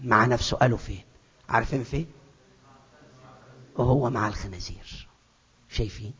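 A man's voice: medium pitch, breathy edge. Egyptian preacher questioning his congregation. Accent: Egyptian Arabic. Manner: questions the congregation, repeats phrases, drops to soft and rises to loud. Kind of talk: sermon. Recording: dull, reverberant church hall.

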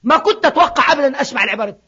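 A man preaching a sermon, swinging from hushed asides to shouted appeals. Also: very high-pitched, expressive, very fast. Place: church in Sydney. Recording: dull lo-fi recording.

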